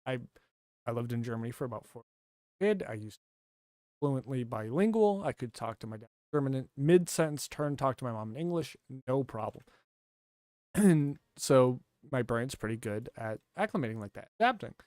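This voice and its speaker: A man's voice: medium pitch, lively intonation, moderate pace, darkish tone, no echo, studio quality. A man talking casually to his livestream chat, rambling and correcting himself, laughing now and then.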